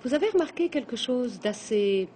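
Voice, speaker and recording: A woman teacher giving a lesson on poetry, counting out syllables slowly and deliberately. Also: on the high side, lively intonation, mellow, a little hiss or hum. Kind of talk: classroom lesson on verse.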